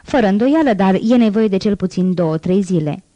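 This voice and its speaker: A woman reading the part of a solemn, quiet male ex-convict mayor in an audiobook. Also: medium pitch, animated, no echo, natural voice. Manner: grave, quiet and restrained.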